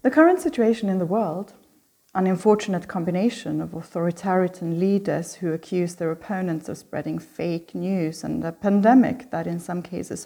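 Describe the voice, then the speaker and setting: Woman, middle-aged, from sweden, lecture host, warm mellow tone, measured reflective reading. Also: fairly low pitch, creaky, breathy edge. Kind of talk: prepared opening lecture.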